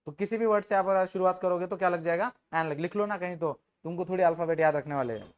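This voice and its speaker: A man's voice: high voice, fast, smooth, highs cut off. A man teaching an English grammar class in Hindi, joking with students and often checking if they understood. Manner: jokes with the class, informal and teasing.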